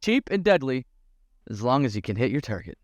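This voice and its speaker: A man's voice: medium pitch, big pitch swings, fairly quick, no echo. A man co-hosting a casual chat, reading out a fan card and joking about it. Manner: reads card text, then jokes about it. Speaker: podcast co-host.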